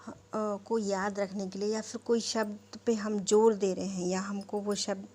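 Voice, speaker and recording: A woman's voice: mid-range voice, level tone, a little mellow. A woman teacher patiently explaining punctuation, spelling words out and often checking with "okay?". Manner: repeats "ठीक" and "है ना" to check understanding; slow, patient explaining with fillers. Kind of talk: classroom lesson on punctuation.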